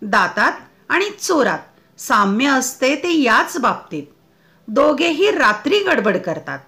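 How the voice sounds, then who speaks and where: Slow, high-voiced woman reading aloud. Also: sing-song, pushed and bright, soft background music. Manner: clear, deliberate recitation. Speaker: teacher. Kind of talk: reading a textbook essay aloud.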